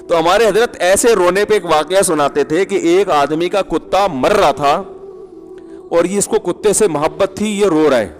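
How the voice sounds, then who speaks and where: A man's voice: high voice, big-room sound, soft background music. A man giving a humorous, conversational sermon as an Islamic preacher, with chuckling asides.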